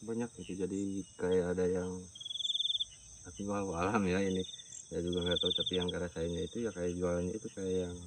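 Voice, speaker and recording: Male vlog host, very low voice, Sundanese accent, halting conversational delivery, outdoors with loud cricket noise. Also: level tone, far from the mic. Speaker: host of a night exploration. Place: outdoors at a shrine cemetery at night. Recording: outdoor night recording, loud insect noise.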